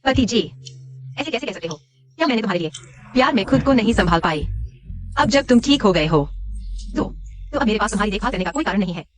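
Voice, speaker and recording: An actress dubbing a spirited, defiant young wife in a drama, teasing and scornful. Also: female voice, medium pitch, animated, fast talker, long pauses, natural voice. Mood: dismayed. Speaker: dubbed drama heroine. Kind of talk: Hindi drama dub.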